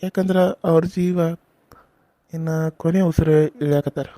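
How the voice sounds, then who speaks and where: Man doing a solemn village doctor, dark mellow voice, fairly high pitch, dry close sound. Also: steady tone, moderate pace, no echo, close to an everyday voice. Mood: grave. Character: calm village doctor, grave and kindly. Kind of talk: Kannada cartoon serial voice acting.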